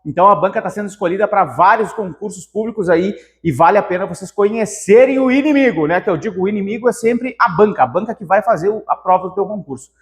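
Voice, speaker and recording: A high-voiced man leads an exam-prep grammar lesson. He is lively and animated and talks straight to his students. The recording has a long reverb. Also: fast talker, hardly any pauses. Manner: lively, animated, calls viewers "meu querido". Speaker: teacher.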